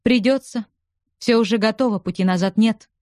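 A woman's voice: on the high side, moderate pace, a little mellow, no echo, studio quality, natural voice. A woman voicing a grave, stern male explorer. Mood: grave, restrained.

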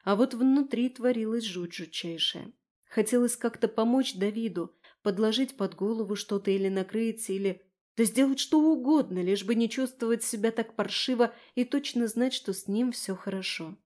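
A woman's voice: a little high, normal speed, a little mellow. Female audiobook narrator, first-person story.

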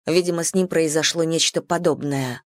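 A woman reading a first-person novel aloud in an even, measured way, close to the mic. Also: sits low, no echo. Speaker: audiobook narrator. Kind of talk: first-person audiobook narration.

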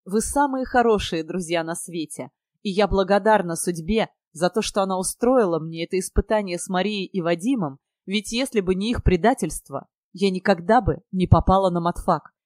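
An earnest young woman speaking warmly and from the heart, read by a woman narrator in her own natural voice. Dry, close recording. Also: lowish voice, normal speed, dry recording, lightly acted. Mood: heartfelt. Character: warm, emotional young woman student.

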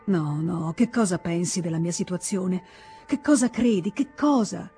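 Tender young noblewoman voiced by a woman reader, earnest, confiding, mellow voice, faint music behind. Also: on the low side, lively intonation, measured pace. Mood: pleading. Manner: earnest, confiding, gently pleading. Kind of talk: audiobook character voice.

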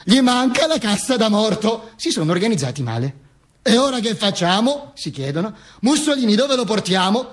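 Speaking at normal speed in a very animated, high-pitched voice, a stage actor and monologist delivers a comic monologue as Mussolini's corpse. The dead man relates his own misadventures with ironic wit, emphatic and mock-serious, repeating himself and slipping in asides.

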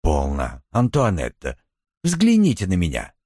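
Deep slow-talking powerful man, coaxing and soft, as read by a male narrator, dry close sound. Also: wildly swooping pitch, no echo, full character voice. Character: commanding wealthy older man, tenderly coaxing.

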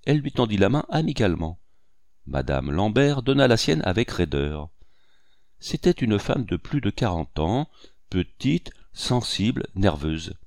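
A man giving a measured, even literary audiobook narration. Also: lowish voice, no room sound, studio quality.

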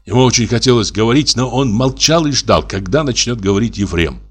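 A man narrating a classic story as an audiobook, in an expressive, measured reading. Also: medium pitch, slightly rough.

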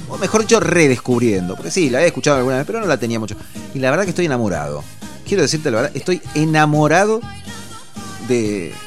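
Effusive Argentine radio host with music. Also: male voice, medium pitch. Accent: Argentine Spanish. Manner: warm, effusive, full of fillers and restarts. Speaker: radio host reading listener messages. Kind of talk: casual radio talk.

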